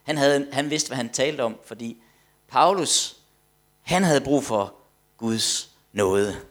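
A man preaching a sermon with emphatic delivery, swinging between loud declarations and hushed asides, often repeating words as he builds a point. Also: mid-range voice.

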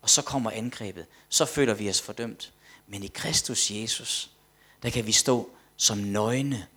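Husky guy preaching, gets loud then drops soft, repeats himself building up. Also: fairly low pitch. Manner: emphatic, swinging between loud declarations and hushed asides; repeats words when building a point. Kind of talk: sermon.

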